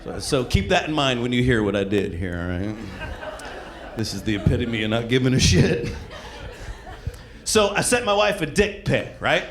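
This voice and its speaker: A man's voice: mid-range voice, big pitch swings, moderate pace. A middle-aged man performing stand-up comedy as conversational, profane storytelling, acting out bits of dialogue. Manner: acts out dialogue and reactions. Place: live venue in front of an audience. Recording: noisy live comedy club recording.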